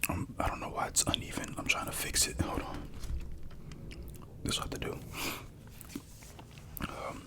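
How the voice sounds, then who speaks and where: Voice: normal speed, pauses often. A young adult whispering casual stories at home while eating snacks into a close mic for an ASMR video. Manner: soft rambling whisper with crunching and chewing sounds.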